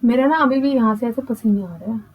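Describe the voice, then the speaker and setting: A young woman with a slightly high voice tells a personal story in a chatty, unscripted way. She drops English phrases into her sentences, pauses often, and acts out the scene as she goes. It sounds like casual close-mic storytime talk. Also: darkish tone, poor audio. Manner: chatty, mixing English into Hindi, acting out gestures. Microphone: mic on the speaker.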